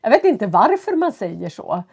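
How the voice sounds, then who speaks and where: A woman with a stuffy nose and a cough, teaching from home and talking slowly and clearly for learners as she greets viewers on a live stream. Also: a little high, big pitch swings, a little mellow. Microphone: computer setup.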